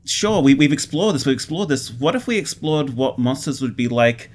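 A man who creates audio dramas appears as a guest in a casual interview, laying out his ideas earnestly and with emphasis. His medium-pitched voice is animated, and he speaks at a moderate pace.

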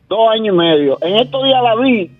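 A man, a guest on a radio show, telling a personal story in a halting way with repeated words. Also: sits high, expressive, phone-quality sound.

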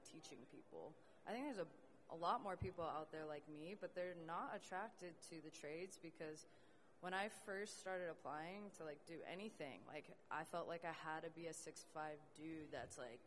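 A woman's voice: fairly low pitch, a little hiss or hum. A young woman, a tile apprentice, speaking earnestly on a panel with many fillers. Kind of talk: casual panel talk.

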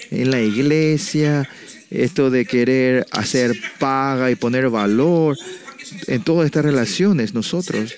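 A pastor preaching to his church in a voice of ordinary middle pitch for a man. He speaks in halting bursts, breaking off and restarting his sentences, and he tags nearly every thought with a questioning "no?" to check in with his listeners. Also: darkish tone. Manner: ends phrases with a questioning "no?" tag, halting restarts. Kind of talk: sermon.

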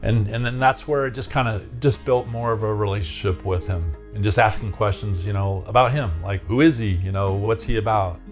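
Guy from arizona, lowish voice, rambling memories, lots of you knows, faint guitar behind. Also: steady tone, a little fast, hardly any pauses. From Arizona, USA. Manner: rambling, with many fillers and restarts. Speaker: interviewee. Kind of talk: casual recollection.

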